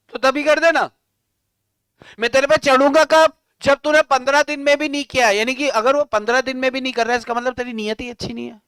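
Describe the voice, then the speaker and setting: High-voiced, animated male law teacher. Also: clean tone, dry recording. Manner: animated, teasing, scolds students in coarse slang. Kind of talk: classroom lecture.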